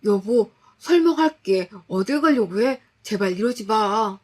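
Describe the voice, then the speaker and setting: A woman voicing an unsettling husband who pleads and apologizes slowly. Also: fairly high pitch, expressive, a little mellow. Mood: pleading.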